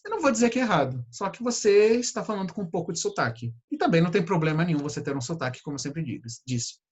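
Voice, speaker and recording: A Brazilian man teaching English pronunciation, patiently repeating sounds slowly to demonstrate them. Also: high-pitched, expressive, slightly rough. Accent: Brazilian Portuguese. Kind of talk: pronunciation lesson.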